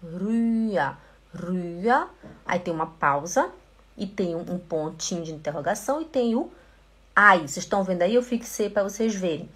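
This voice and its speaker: A woman with a Brazilian Portuguese accent giving a live online German lesson, repeating words slowly to drill pronunciation and reading viewers' comments aloud. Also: lowish voice, a bit bright, husky. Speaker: German teacher.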